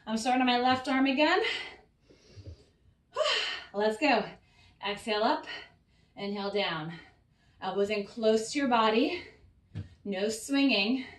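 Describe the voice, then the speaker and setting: Cueing every breath and rep, a female fitness coach leads a workout with encouragement while slightly out of breath. Her voice sits on the high side at a moderate pace with long pauses, picked up off-mic in a roomy space.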